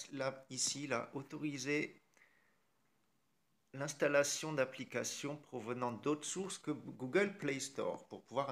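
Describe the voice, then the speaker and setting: A man's voice: mid-range voice, creaky. A man with a French accent hosting a casual phone tutorial, chatty and irreverent, with mild swearing. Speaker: tech tutorial host. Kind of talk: casual screen-recorded tutorial.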